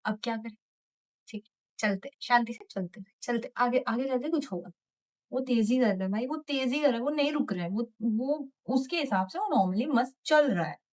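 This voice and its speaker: A woman tells a story to her vlog in a lively, animated way. Her voice sits a little high, and she drops English words into her sentences. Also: normal speed. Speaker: vlogger. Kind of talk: casual storytelling.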